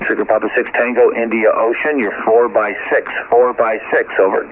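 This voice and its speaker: A man speaks at medium pitch and normal speed in a level tone, working as an amateur radio operator. He makes a ham radio call, spelling call signs in the phonetic alphabet with many fillers. It sounds like a shortwave transmission, tinny with faint static.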